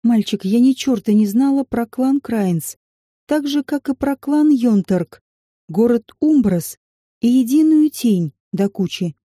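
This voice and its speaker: Woman reading an audiobook, wry and ironic, slightly high but really mellow dark tone. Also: lively intonation, unhurried, no room sound, studio quality. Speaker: audiobook narrator. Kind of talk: scripted first-person narration.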